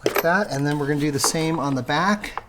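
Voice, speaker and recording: The presenter of this how-to car repair video has a low-pitched voice and talks a bit fast, casually explaining each step while working with her hands. Clicking tool sounds come through on a clearly noisy recording.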